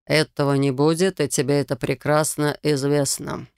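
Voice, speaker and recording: A woman voicing a calm, patient young male prince mage who speaks in a soft, even, condescendingly gentle tone. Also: low-pitched, normal speed, clean tone, no echo, studio quality.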